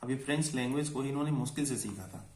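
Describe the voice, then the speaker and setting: A man teaching an English lesson. He explains in Hindi and reads the English lines slowly. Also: mid-range voice, darkish tone, reverberant.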